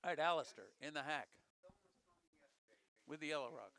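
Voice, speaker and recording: Man, bright forceful voice, casual curling commentator, jokey, repeats his calls. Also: on the high side, normal speed, creaky, low-quality recording. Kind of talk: live sports commentary, casual and chatty.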